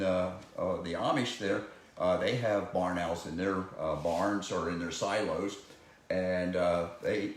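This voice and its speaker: A man who works as a wildlife educator, giving a casual, rambling talk about live owls, often chuckling and filling pauses with "uh". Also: deep voice. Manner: rambling, chuckling, many fillers and restarts. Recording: very echoey room, faint noise.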